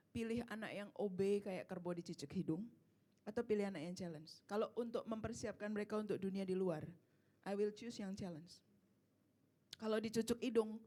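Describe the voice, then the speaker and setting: A woman speaking at a parenting seminar, answering parents' questions in an emphatic, conversational way. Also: medium pitch. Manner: warm, emphatic, rhetorical questions. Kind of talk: casual seminar talk, mixing Indonesian and English.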